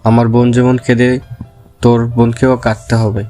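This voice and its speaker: A man's voice: medium pitch, completely flat delivery, moderate pace, dark tone, soft background music, lightly acted. Man playing Ratul, a vengeful threatening man. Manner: threatening, contemptuous. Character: hostile vengeful brother-in-law.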